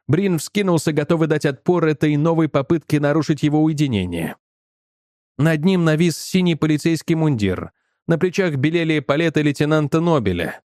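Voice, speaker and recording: A man reading a story aloud in an even, measured narration. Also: fairly high pitch, no echo, clean studio sound. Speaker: audiobook reader. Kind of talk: scripted narration.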